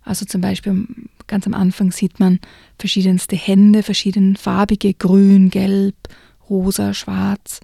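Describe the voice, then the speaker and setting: A woman with a gravelly, husky and warm voice reads a children's storybook aloud and then talks about it. Her delivery is soft and at times whispery. The sound is dry and close, as in a radio studio. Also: medium pitch, monotone, takes it slowly, no echo. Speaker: book reviewer. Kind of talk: reading a children's book aloud and discussing it.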